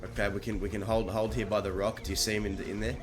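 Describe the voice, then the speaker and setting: A man playing his character in a western roleplay stream, urgent and quick to give orders. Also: fairly low pitch, little pitch movement.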